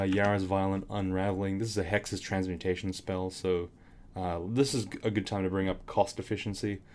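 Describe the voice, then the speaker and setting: Over the clatter of keyboard clicks, a man casually talks through a game tutorial, full of fillers and restarts. His voice sits low, slightly raspy and darkish in tone.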